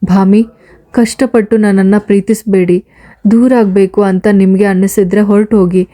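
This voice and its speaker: A hurt young wife speaks plaintively, as a woman reads her lines. The delivery is flat and narrow in pitch, with a dark, mellow tone. It is an audiobook serial. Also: moderate pace, natural voice. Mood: despairing. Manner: plaintive, despairing. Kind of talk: audiobook character reading.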